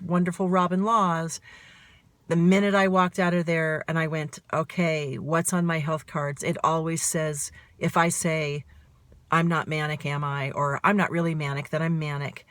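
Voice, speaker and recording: A middle-aged woman talking straight to camera in a fast, emphatic way, asking herself questions and answering them. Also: on the low side, a bit bright, no echo. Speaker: author and mental health advocate. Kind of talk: self-recorded talk to camera.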